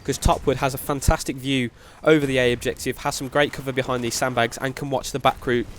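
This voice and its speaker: Quick and steady, a young man with a cold narrates his gameplay and shares tips, his medium-pitched voice nasal and flat and his speech peppered with "very, very". Faint gunfire and explosions and slight background noise sit behind him.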